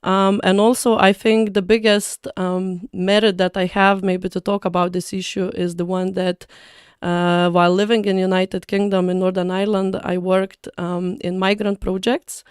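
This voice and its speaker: A woman's voice: mid-range voice, little pitch movement, moderate pace, clear, resonant tone, no room sound, studio quality. A woman from Lithuania, a native Lithuanian speaker, talking in English as a podcast guest and choosing her words carefully with small fillers. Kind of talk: casual interview talk.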